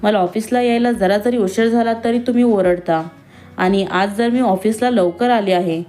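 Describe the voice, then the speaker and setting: A woman's voice: medium pitch, normal speed, natural voice. A woman voicing a timid young office worker. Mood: nervous. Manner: soft-spoken, nervous, innocent.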